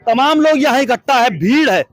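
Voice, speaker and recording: A man's voice: very high-pitched, lively intonation, fairly quick. A man reporting from a crowded street as a local news reporter, making urgent, dramatic appeals to viewers.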